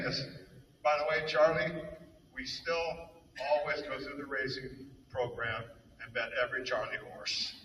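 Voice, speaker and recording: A man's voice: on the high side, sharp tone, recorded from a distance, slight background noise. Emotional man in an echoey hall. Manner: emotional, reminiscing, halting. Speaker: eulogy speaker, fellow coach. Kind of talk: memorial speech. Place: hall at a memorial service.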